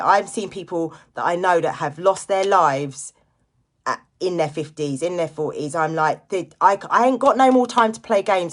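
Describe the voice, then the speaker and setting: In a fairly low-pitched yet fairly bright voice, a live-stream host in her late forties gives a relaxed motivational chat. She's a direct seller who addresses listeners plainly and repeats key phrases to drive them home.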